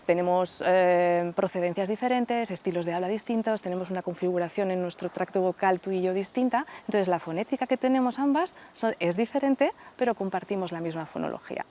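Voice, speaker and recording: A woman professor, a guest on a radio interview, explaining speech sounds in a measured way with examples. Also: lowish voice, mellow. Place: radio studio.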